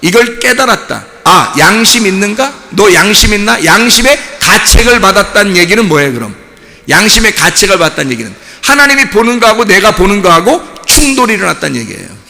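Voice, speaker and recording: A male pastor delivering a sermon, swinging from loud emphatic peaks to hushed, prayerful lines. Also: high voice. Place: church sanctuary. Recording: long church hall reverb.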